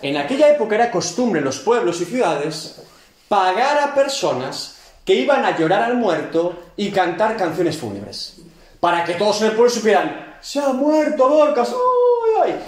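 A man's voice: sits high, big pitch swings, normal speed, echoey room. A man teaching a seminary Bible class, acting out scenes and asking the class rhetorical questions. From Galicia, Spain. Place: church classroom.

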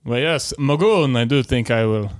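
A man's voice: medium pitch, expressive, moderate pace, no room sound, studio quality. Mock-formal man playing a tabletop game. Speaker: player. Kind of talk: in-character tabletop play.

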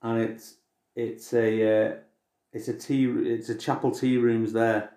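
A man's voice: mid-range voice, little pitch movement, slow pace, dark tone, echoey room. An English man co-hosting a podcast in casual, informal chat, swearing now and then. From England. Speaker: podcast co-host.

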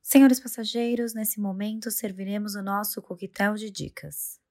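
A woman doing a formal flight-cabin loudspeaker announcer. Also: medium pitch, steady tone, normal speed. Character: mock airline cabin announcer, female, formal. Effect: put-on in-flight loudspeaker announcement. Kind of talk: podcast segment transition gag.

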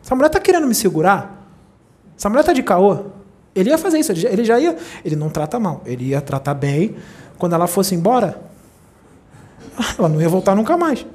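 A spiritual teacher gives a talk to a small group, telling stories animatedly and acting out the voices of the people in them with big jumps in pitch. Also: quick pace, pauses often. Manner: animated storyteller, acts out quoted voices with big pitch leaps.

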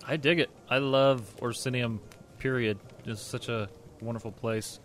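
A man's voice: mid-range voice, steady tone, moderate pace, a bit bright. A man co-hosting a podcast in casual, easygoing banter with light role-play. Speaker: podcast co-host. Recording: faint background ambient noise.

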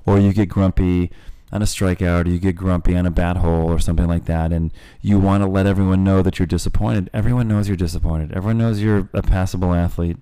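A man's voice: low-pitched, steady tone, quick pace, hardly any pauses, mellow, clean tone, no room sound, poor audio. A man co-hosting a casual chat, a teasing, chatty storyteller. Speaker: podcast co-host and golf dad.

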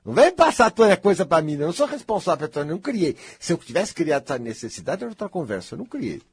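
A man with a raspy, fairly high voice gives a spiritual talk to his listeners. He is blunt and emphatic, and his pitch leaps and dives widely as he drives each point home. The sound is dry and close, with no room echo. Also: very fast. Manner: blunt, emphatic and animated, often swelling to near-shouts.

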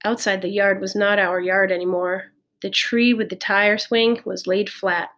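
A woman reading a children's novel aloud in a measured, clear storytelling voice. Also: medium pitch, flat delivery, a bit bright. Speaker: audiobook reader. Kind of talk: scripted narration of a children's novel.

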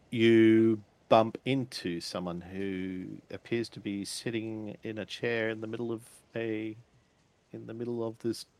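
A man narrating a tabletop game as game master, describing scenes hesitantly with many fillers. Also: fairly low pitch.

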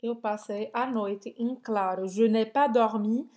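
Woman, fairly high voice, chatty co-host, podcast lesson. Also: steady tone, takes it slowly, a little mellow. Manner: chatty, asks follow-ups and explains in Portuguese.

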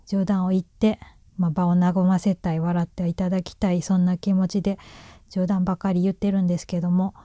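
A woman's voice: fairly low pitch, level tone, a little fast, dark tone, dry recording, clean studio sound. A woman with a Kansai accent hosting a solo radio talk, shy and nervous and making self-deprecating jokes into a microphone. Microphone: talking alone into a microphone.

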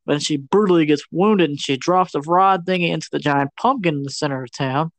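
A man's voice: fairly high pitch, brisk, dry recording. A man co-hosting a podcast, giving a casual, slangy movie recap and acting out the characters as he goes. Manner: slangy, animated storyteller who acts out characters. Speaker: podcast co-host.

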